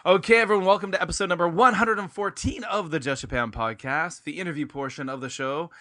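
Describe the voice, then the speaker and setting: Talking quickly in a bright, pushed voice on the high side, this Nova Scotia podcast host stays upbeat and chatty, with lots of fillers. He records in a small home studio where a floor fan runs.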